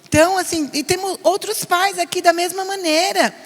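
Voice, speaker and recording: A middle-aged woman pastor with a São Paulo Brazilian accent, teaching a parenting class in an earnest, animated way. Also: extremely high pitch, normal speed. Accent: Brazilian Portuguese, São Paulo. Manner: earnest, animated, mimics nagging voices. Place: church hall. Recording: long reverb of a church hall.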